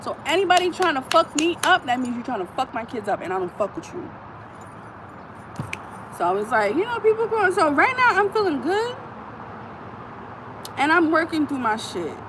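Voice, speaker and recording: A woman with a high voice talks straight to her phone, blunt and profane, repeating lines to drive them home. She records outdoors, and traffic and street noise run clearly under her voice. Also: normal speed, long pauses. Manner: animated, repeats lines for emphasis. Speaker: vlogger. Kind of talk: casual monologue to camera.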